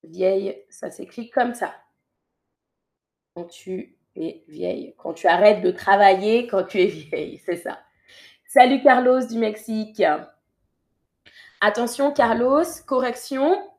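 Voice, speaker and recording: A woman's voice: medium pitch, slow pace, pauses often, a little mellow. A woman teaching French on a live stream, reading viewers' sentences and patiently correcting them, often repeating her instructions.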